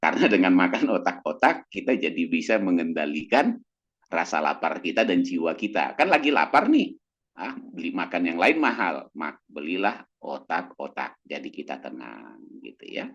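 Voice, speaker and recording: Husky low-voiced man giving an animated talk. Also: normal speed, lo-fi sound. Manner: animated, acts out quoted voices in a raised pitch. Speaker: doctor guest speaker. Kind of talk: casual church talk on mental health.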